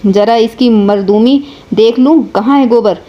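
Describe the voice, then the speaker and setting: A hot-tempered village wife lashes out in a heated, scolding voice, as a woman reading a novel aloud puts her on. The voice sits fairly high. The recording is dull and lo-fi. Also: measured pace, lightly acted. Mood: bitter. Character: fierce village wife and mother, sharp-tongued, quick to anger.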